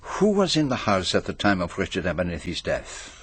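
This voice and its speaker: In a radio mystery drama, a male actor plays a courteous, shrewd Belgian detective with a French-speaking accent, questioning people formally, deliberately, and methodically. His exaggerated voice sits low but swoops wildly in pitch, and it sounds a bit bright and slightly rough.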